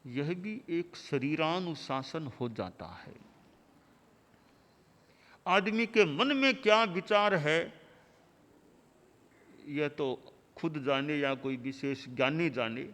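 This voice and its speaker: A man delivering a sermon as a spiritual teacher, in measured, rhythmic lists of short phrases. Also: fairly high pitch, animated, fairly bright tone. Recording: long hall reverb.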